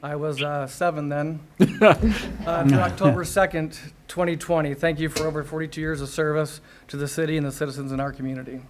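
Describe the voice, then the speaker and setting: A man's voice: on the high side, fairly even intonation, a little fast, background noise. A man in his fifties, a city official, reading out a service plaque in a matter-of-fact way.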